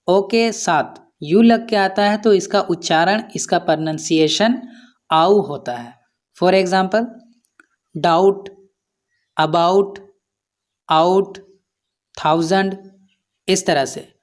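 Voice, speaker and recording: A man with an Indian accent teaching an English pronunciation lesson, slowly repeating example words one by one. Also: sits high, darkish tone.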